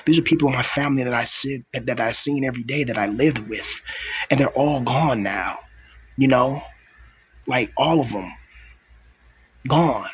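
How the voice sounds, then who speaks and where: Male, thirties, medium pitch. Hushed, whispered confessional vlogging, aggrieved and repetitive, noisy recording. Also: moderate pace, long pauses. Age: 30s. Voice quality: whispered, hushed voice held back to avoid being overheard. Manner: aggrieved venting, repetitive, swearing. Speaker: video blogger. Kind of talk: confessional vlog monologue. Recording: clear steady background noise.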